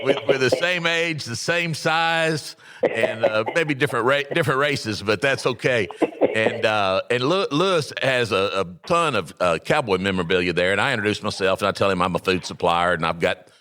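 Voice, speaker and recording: A man's voice: lowish voice, fairly quick, bright, forceful tone. A man who supplies food to restaurants, telling a long story in a rambling, folksy way on a podcast.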